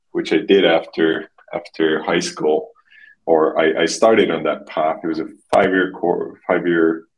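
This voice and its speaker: A man from Estonia in his thirties, a podcast guest talking casually and haltingly, often restarting and repeating words. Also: sits low, low-quality recording. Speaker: podcast guest, marketing expert. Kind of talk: casual interview conversation.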